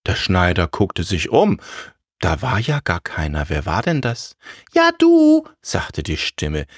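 A man telling a fairy tale aloud in a lively, playful storytelling way. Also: sits low, measured pace, no room sound, clean studio sound.

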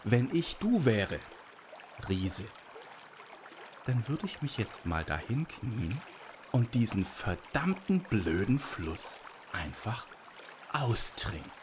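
A man voicing a cheeky, quick-witted young girl in a spoken fairy tale, scheming in a relaxed, sly way. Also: fairly low pitch, noisy background.

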